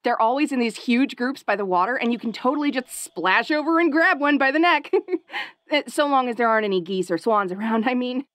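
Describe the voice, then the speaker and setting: Bubbly young wolf girl, female performer, audio role-play. High, very animated, perky, curious, playful and excitable. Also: fairly quick, no room sound, studio quality. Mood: bubbly, chatty.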